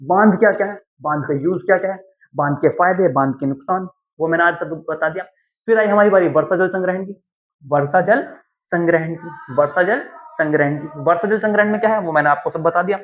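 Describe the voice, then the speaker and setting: A man's voice: high-pitched, fairly quick, fairly bright tone. A male teacher from Uttar Pradesh, India, giving a classroom lecture, repeating key terms and asking and answering his own questions. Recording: dull lo-fi sound.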